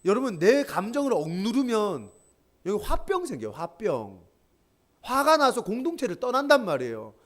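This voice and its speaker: A middle-aged male pastor preaching to young adults, with a high voice that leaps up and down across a wide range. He leads call-and-response readings and acts out his own stories. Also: very animated, normal speed. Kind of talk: sermon to a young adults group.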